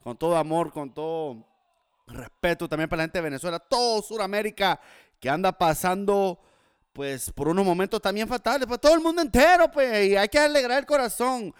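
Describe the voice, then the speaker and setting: A man's voice: sits high, moderate pace, clean tone, dry recording, clean studio sound. A man with a Salvadoran Spanish accent chatting casually and festively as a music show host, slangy and sweary, urging listeners on with tag questions.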